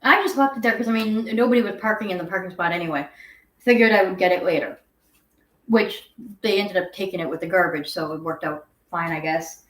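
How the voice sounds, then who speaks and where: A woman's voice: fairly low pitch, a little fast. A young adult woman hosting a casual home livestream, rambling as she reads viewer comments aloud. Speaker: guinea pig channel host. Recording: echoey room.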